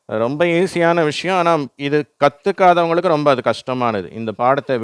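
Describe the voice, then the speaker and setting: A man with a Tamil accent teaching English pronunciation in a slow, patient way, reading words aloud for learners to repeat. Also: medium pitch, clean tone, no echo. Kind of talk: slow instructional explanation.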